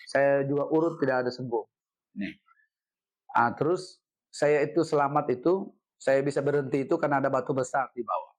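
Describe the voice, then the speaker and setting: A middle-aged man, a guest telling a story in an interview, animated, repeating himself and ending lines with "Pak". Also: medium pitch, a little fast, pauses often. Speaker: head of city education office, guest.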